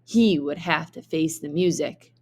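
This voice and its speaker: Her slightly low, husky voice carries a children's storybook as she reads it aloud the way a teacher would. The pace is very slow and deliberate, and her emphasis is expressive.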